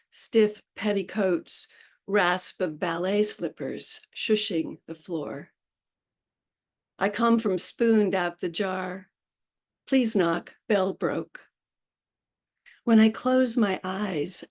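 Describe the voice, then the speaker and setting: At a live event, a poet reads her own work in a slow, measured way, pausing for hesitant asides between poems. Her voice is mid-range and a little mellow.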